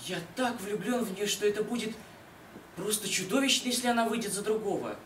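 A young man playing a dreamy, lovelorn, modest scholar in an expressive, dramatic declamation of a stage monologue, with deliberate pauses. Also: high voice. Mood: anxious, lovelorn. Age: young adult. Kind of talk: dramatic declamation, theatrical literary monologue recitation. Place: small indoor concert hall stage. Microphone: far camera. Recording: roomy, distant mic, noisy hall.

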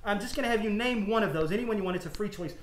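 A man in his thirties, a magic shop owner, talking casually about his shop and doing card-trick patter with playful, deadpan jokes. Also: high voice, very fast. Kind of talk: casual demonstration and interview. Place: inside a small shop, indoors. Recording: echoey shop room with faint background noise.

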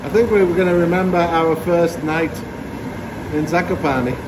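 Upbeat male travel vlogger, high-pitched, chatty, recorded over loud noise. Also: moderate pace. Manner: enthusiastic, chatty. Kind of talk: casual travel vlog chat. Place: hotel spa and restaurant.

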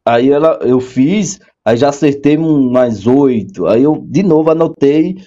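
A man telling his story as an interview guest in a relaxed way, acting out what people said. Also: measured pace, lo-fi sound. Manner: animated storyteller, acts out quoted dialogue with big pitch jumps. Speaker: guest, court clerk.

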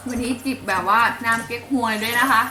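A woman with an Isan (Northeast Thai) accent chats casually to viewers while playing an online slot game, giggling and coaxing the game aloud. Her voice is a little high with fairly even intonation, she talks fast, and she sounds reverberant and far from the mic, with background noise.

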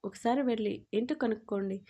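A woman's voice: fairly high pitch, a little fast, warm tone, natural voice. Woman voicing a playful teasing young wife. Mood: coaxing.

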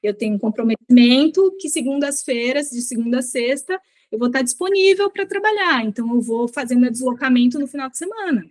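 A woman's voice: high voice, a little fast, no echo. Chatty woman in her thirties on a video call. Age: 30s. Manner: relaxed, reflective, chatty with many "né?" tags. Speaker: interview guest. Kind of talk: casual video-call interview. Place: small bedroom indoors. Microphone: laptop webcam on video call.

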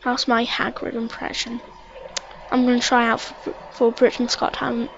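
A woman narrates a let's play casually and with stammers, repeating words and talking to the game as she plays. Her voice is slightly high, monotone, gravelly, and moderately paced, captured on a dull lo-fi mic with faint hiss.

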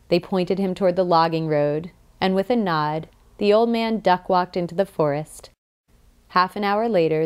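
A woman reading a novel aloud as an audiobook narrator, measured and vivid. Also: lowish voice, smooth. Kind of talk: scripted narration.

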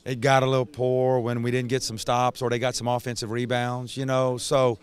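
An older man in his sixties, a basketball coach, answers post-game questions with a smooth, resonant voice at a middling pitch. He talks in a halting way, restarting phrases and filling pauses. He speaks into a handheld mic inside an empty arena. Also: little pitch movement. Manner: halting, many restarts and fillers. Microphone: handheld reporter mic.

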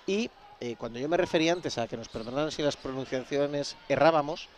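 A man's voice: fairly high pitch, a little fast, a little hiss or hum. A man with a Spain Spanish accent doing live basketball play-by-play, chatty and talking straight to the viewers in the stream chat. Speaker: play-by-play commentator.

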